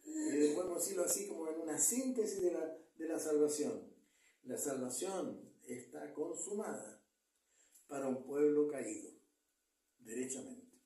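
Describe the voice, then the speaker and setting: A man's voice: fairly high pitch, dark tone. A man, a pastor, preaching an earnest sermon and checking in with the congregation. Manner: earnest, repeats words, asks the congregation "¿ya?". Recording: echoey church hall, mic far off.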